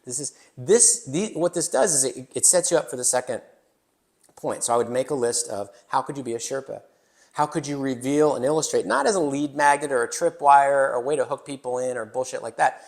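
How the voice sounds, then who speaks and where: A man hosting a casual business podcast from a new studio, animated and joking, with mild swearing. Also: medium pitch, fairly quick. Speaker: podcast host. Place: newly built indoor studio.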